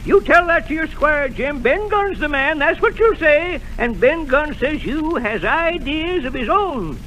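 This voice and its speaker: Ben Gunn, high wild castaway. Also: male voice, unhurried, exaggerated voice, poor audio. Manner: excitable, sudden whoops and cries. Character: wild-eyed old male castaway, jittery and cunning. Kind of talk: 1930s radio drama acting. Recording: old radio broadcast with faint hiss.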